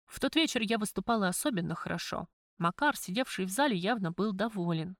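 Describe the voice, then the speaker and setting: A woman's voice: mid-range voice, expressive, fairly quick, no echo, clean studio sound. Woman reading a first-person novel. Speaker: audiobook narrator. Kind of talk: first-person audiobook narration.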